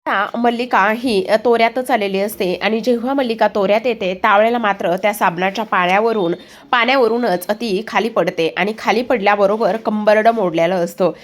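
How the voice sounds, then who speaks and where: A woman's voice: medium pitch, fairly quick. A woman narrating a television serial recap, with hesitant fillers and repeated linking phrases.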